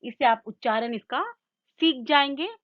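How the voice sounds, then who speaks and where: A woman teacher giving a Hindi lesson, slowly sounding out each word and explaining its meaning. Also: high voice, narrow, tinny audio. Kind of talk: slow classroom lesson with call-and-repeat.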